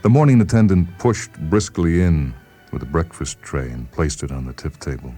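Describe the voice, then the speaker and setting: An extremely deep, mellow male voice reads a short work of literary fiction. His narration is measured, expressive and dramatic in style, with faint music behind it.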